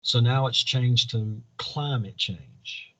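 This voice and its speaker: A slow, medium-pitched male voice, its highs trimmed away. He's a candidate giving interview answers that sound like speeches: earnest, preacherly, and built from one repeated parallel phrase after another.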